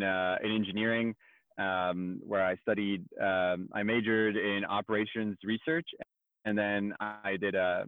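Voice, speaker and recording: Guest, male, French accent, measured talker; low voice, dead-dry, band-limited remote line. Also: no echo. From France. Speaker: guest, startup co-founder. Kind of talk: podcast interview. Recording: tinny phone-like remote line.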